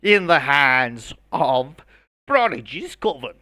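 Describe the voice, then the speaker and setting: A man's voice: mid-range voice, sing-song, takes it slowly, pushed and bright, dry recording. A man with a South African accent casting an esports match live, joking and laughing between play calls. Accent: South African English. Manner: jokey and self-mocking, laughs between calls. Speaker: esports caster.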